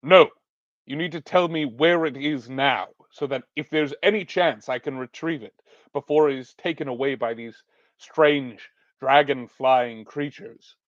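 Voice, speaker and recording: A man's voice: mid-range voice, measured pace, dry recording, dull audio, lightly acted. A man playing a strong, stubborn male warrior hero who speaks bluntly and insists on answers. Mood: insistent.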